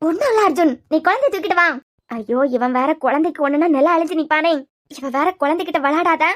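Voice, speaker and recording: A woman's voice: high voice, animated, fast talker, a bit bright. A woman with a Kanyakumari Tamil accent voicing a fretful old grandmother who wails and laments over her grandchild in a cartoon serial. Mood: pleading. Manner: lamenting, wailing.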